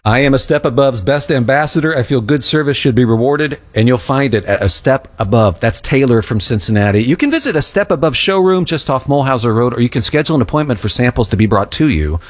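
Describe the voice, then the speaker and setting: A man's voice: mid-range voice, lively intonation, fast, few pauses. A man, a radio host, delivering a scripted sponsor read with testimonial copy.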